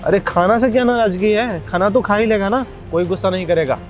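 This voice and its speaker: A man's voice: sits high, brisk, faint music behind, lightly acted. A man playing a bossy but kind supervisor who scolds a worker into eating. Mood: scolding. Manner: scolding, persuasive. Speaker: actor in a comedy skit.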